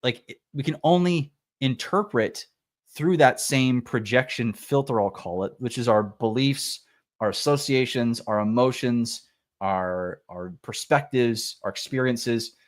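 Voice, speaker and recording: A man with a mid-range voice hosts a casual livestream, musing thoughtfully at an unhurried pace. He rambles, full of fillers, restarts and self-corrections. The studio sound is clean, with no echo.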